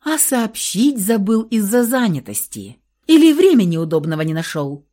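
A woman voicing a hot-tempered young woman who is frantic and stubborn, with shrill, hysterical outbursts, in an audiobook reading. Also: big pitch swings, normal speed, warm tone. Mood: needling.

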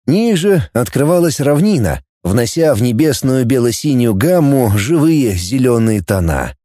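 Animated male audiobook narrator. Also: mid-range voice, unhurried, no room sound, clean studio sound. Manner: animated, expressive reading. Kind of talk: scripted narration.

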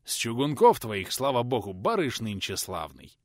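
An audiobook narrator voicing a stern, commanding medieval grand prince who speaks in a gruff, booming, old-fashioned way. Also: male voice, wildly swooping pitch, normal speed, dry recording, studio quality. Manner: booming, gruff, archaic speech.

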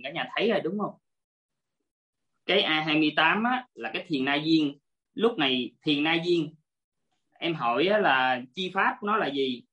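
Over a video call, a woman teaches an online class, explaining things politely step by step and repeating her points. Her voice is deep with a touch of brightness.

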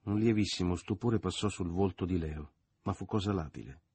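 A man reading a novel aloud as an audiobook, in measured and dramatic narration that at times sinks quiet. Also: low-pitched, slightly rough, no room sound. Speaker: audiobook reader.

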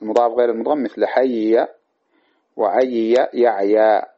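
A man teaching a lecture on classical grammar. He explains patiently, often checks in with his listeners, and recites verse lines in a measured way. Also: fairly low pitch, steady tone. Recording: dull lo-fi recording.

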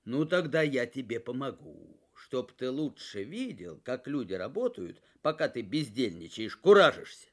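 A man's voice: mid-range voice, very animated, moderate pace, hardly any pauses. A man voicing a stern soldier who lectures and scolds a lazy lad, in a folk tale. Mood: scolding. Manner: lecturing, reproachful.

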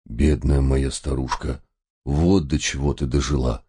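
Man doing a scared, slow-witted guy, hoarse and plaintive, speaking slowly and a touch low in a deep voice. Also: darkish tone, heavily acted. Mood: whiny. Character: jittery dim-witted man, fearful and whiny.

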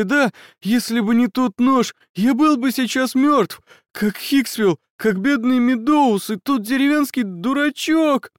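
A hysterical wounded schoolboy. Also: male voice, dry recording. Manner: shrill, babbling, close to sobbing. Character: panicked wounded teenage schoolboy, breathless and hysterical.

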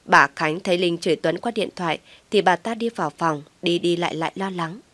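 A woman tells a family drama in a steady storybook voice. Her voice sits slightly low, and the sound is dry and close. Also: fairly quick, dry recording. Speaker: narrator. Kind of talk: storybook narration.

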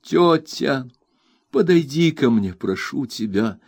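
A man's voice: sing-song, slow pace, creaky, dry recording, clean studio sound, exaggerated voice. A man voicing a tearful, remorseful young woman who pleads between sobs. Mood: sobbing plea. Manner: sobbing, high-strung pleading.

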